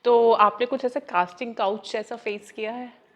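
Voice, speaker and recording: A woman's voice: fairly high pitch, steady tone, moderate pace. A woman hosting a talk show, asking long questions that mix in English phrases. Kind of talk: interview questions.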